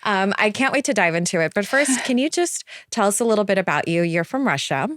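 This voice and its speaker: A woman's voice: medium pitch, lively intonation, fast, no room sound, clean studio sound. A woman hosting an interview, speaking in an affirming way with frequent agreeing sounds. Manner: warm affirming, frequent mm-hmms. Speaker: podcast host. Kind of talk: conversational interview.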